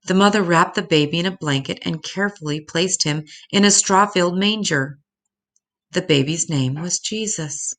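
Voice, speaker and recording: At a moderate pace, a woman with a low, gravelly voice narrates a picture book for kids. Her voice creaks at the edges, and she reads expressively, like a storyteller.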